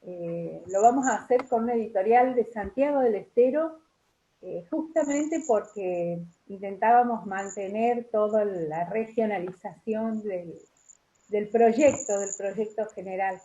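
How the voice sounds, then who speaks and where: A woman's voice: medium pitch, unhurried, mellow. A woman author, talking about her books on a video call, hesitant with fillers. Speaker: author guest. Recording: dull lo-fi call audio.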